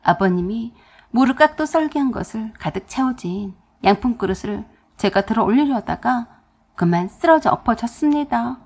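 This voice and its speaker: Brief: husky female storyteller, fairly high voice, confiding first-person narration. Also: lively intonation, moderate pace, a little mellow. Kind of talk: narrated radio drama.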